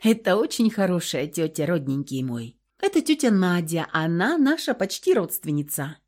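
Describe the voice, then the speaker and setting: A woman voicing a soft-spoken young mother. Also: lowish voice, sing-song, moderate pace. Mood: tender. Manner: soft, tender, hesitant. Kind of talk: audiobook character voice.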